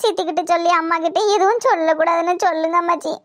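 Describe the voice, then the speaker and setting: Timid young tirunelveli girl, a woman doing it, very high pleading voice. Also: steady tone, fast. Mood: apologetic. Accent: Tirunelveli Tamil. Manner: pleading, apologetic.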